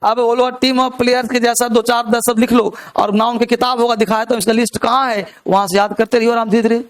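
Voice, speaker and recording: Teacher in a classroom, man with a very high, smooth, clear voice who keeps quizzing his students. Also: flat delivery, brisk. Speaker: English grammar teacher. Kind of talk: live classroom lecture.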